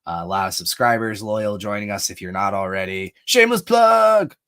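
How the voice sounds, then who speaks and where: A man's voice: on the low side, lively intonation, normal speed, bright, forceful tone, smooth, no room sound. A man hosting a casual sports podcast, chatty and self-deprecating, who also breaks into subscription plugs. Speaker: podcast host.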